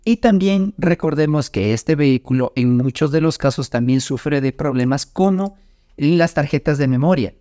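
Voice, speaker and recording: Man in his 30s, friendly co-host, slightly high voice, dry sound. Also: normal speed, mellow, dry recording. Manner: friendly, addresses partner as amigo. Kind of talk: casual car review chat. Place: small studio set with brick wall. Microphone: desk microphone.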